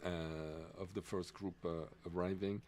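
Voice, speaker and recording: A middle-aged Swiss man with a French accent giving live commentary on a race, halting and full of fillers. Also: low-pitched, steady tone, darkish tone, slight background noise. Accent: French-speaking Swiss. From Switzerland. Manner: halting, many fillers and restarts.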